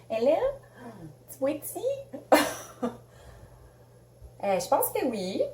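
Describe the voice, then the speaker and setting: A woman's voice: high-pitched, sing-song, drawn-out words, long pauses, echoey room. A woman with a Québécois French accent chatting casually and bubbly as she unboxes makeup for a beauty vlog, laughing often. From Canada. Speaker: beauty vlogger.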